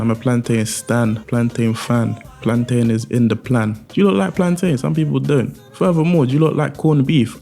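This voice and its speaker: Young man, cooking vlog, playful and slangy, jokes around, mid-pitched voice, soft music underneath. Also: creaky. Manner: playful, jokey, slangy storytelling. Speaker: cooking vlogger.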